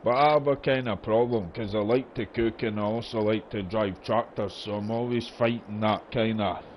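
A man with a broad Scottish accent chats casually with other gamers during a farming game session, telling rambling stories in a colloquial way. His voice is fairly low, a little mellow, and steady at a normal speed, heard through a dull, noisy lo-fi voice chat.

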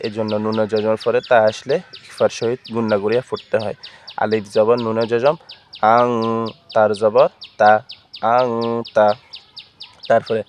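A man gives a patient, step-by-step recitation lesson, naming each letter and vowel mark before he chants the syllable. His voice sits low and stays level, with little rise or fall. Faint background noise and birdsong run under the recording. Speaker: Quran reading teacher.

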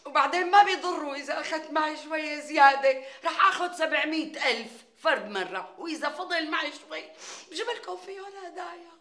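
A high-voiced, bright, wheedling neighbor woman with a Damascene Syrian accent. She wails, flatters and schemes in sitcom style. The sound is roomy, as on a TV studio set. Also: fast. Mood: scheming. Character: scheming melodramatic middle-aged neighbor woman. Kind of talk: TV sitcom acting.

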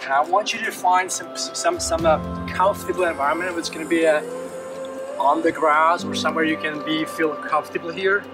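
This high-voiced man is a fitness coach giving stretching instructions on a windy seaside headland, heard from a distance along with music. His speech is fairly quick but calm and encouraging, with many repeated words, captured by a far camera.

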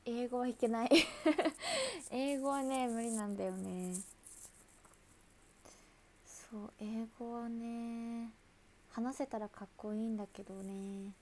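A woman's voice: fairly high pitch, fairly even intonation, brisk, hardly any pauses, mellow, slight background noise. A woman idol chatting casually with viewers on a livestream, talkative and laughing often.

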